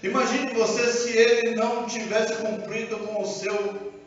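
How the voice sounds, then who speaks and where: A male pastor with a high voice and a Brazilian Portuguese accent delivers an animated sermon, acting out dialogue, recorded from a distance in a large, reverberant church sanctuary. His tone is level and unhurried. The sound is dull and muffled, with soft music underneath.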